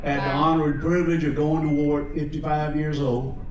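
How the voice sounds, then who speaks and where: A man's voice: on the high side, level tone, fairly quick, dull audio, crowd noise. Elderly man in an echoey hall, recollecting. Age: 70s or older. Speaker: retired army veteran, audience member. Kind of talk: plain personal recollection. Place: large indoor venue. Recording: echoey room, distant, faint noise.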